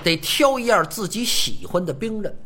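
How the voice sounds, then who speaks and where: A man performing stage crosstalk comedy as the lead storyteller, telling the tale with animated delivery and now and then breaking into sing-song vendor calls. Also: sits high, moderate pace, background noise.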